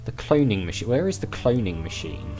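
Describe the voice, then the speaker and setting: A man's voice: lowish voice, sing-song, fairly quick, loud music behind the voice. A man hosting a let's play, thinking aloud in casual, tentative game commentary. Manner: musing, tentative.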